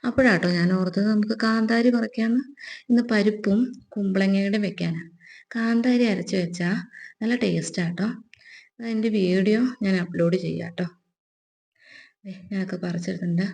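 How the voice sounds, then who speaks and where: A woman's voice: mid-range voice, a little fast, creaky, long pauses, darkish tone. Chatty Keralan woman vlogging in her garden. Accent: Keralan Malayalam. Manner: chatty, adds a tag to nearly every sentence. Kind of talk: casual gardening vlog. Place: outdoors in a garden with birds around. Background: birdsong.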